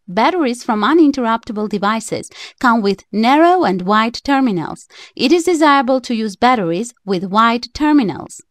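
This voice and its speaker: A woman's voice: a little high, no echo, clean studio sound. A woman reading a prepared script as the voice-over narrator of a DIY electronics tutorial, in plain, slightly stiff phrasing.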